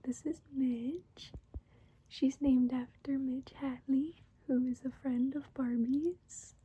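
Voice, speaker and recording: A woman in her twenties chatting in a soft whisper for an ASMR get-to-know-me video, unhurried and giggly, close to the microphone. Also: sits high, fairly even intonation, slightly rough, low-quality recording. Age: 20s. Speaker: ASMR creator. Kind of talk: soft-spoken ASMR chat.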